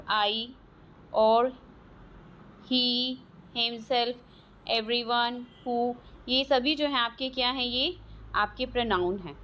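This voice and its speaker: A woman with an Indian accent teaching an English grammar lesson, explaining terms in Hindi and often checking with "clear?". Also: fairly high pitch, fairly bright tone, a little hiss or hum. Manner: slow, drawn-out, checks understanding with "clear?".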